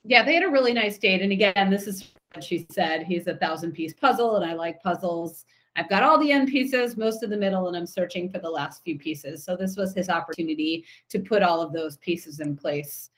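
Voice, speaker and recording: A woman's voice: fairly low pitch, fairly quick, hardly any pauses. A woman co-hosting a podcast, chatting casually and opinionatedly as she recaps a TV episode. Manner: chatty, opinionated, animated retelling. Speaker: podcast co-host.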